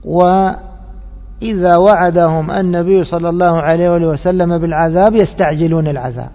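A man teaching a classroom lesson on grammar and scripture, quizzing his listeners with prompting questions and slowly drawing out key words. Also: fairly high pitch, fairly even intonation. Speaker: teacher of Quranic exegesis and grammar. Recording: tinny phone-like audio with long hall reverb.

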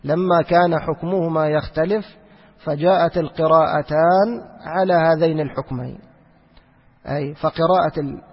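A man giving a religious lesson, who asks questions and answers them himself, repeats phrases and slows down to recite verses. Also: fairly high pitch, steady tone, breathy edge. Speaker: teacher of Quranic exegesis. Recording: lo-fi recording with long hall reverb.

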